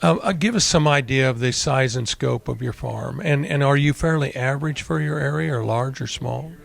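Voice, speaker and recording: Creaky-voiced male radio interviewer. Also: mid-range voice, moderate pace. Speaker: host, interviewer.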